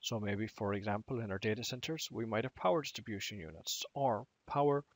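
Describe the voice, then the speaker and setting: Measured male IT trainer, dry sound. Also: lowish voice, dry recording. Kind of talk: technical training lecture.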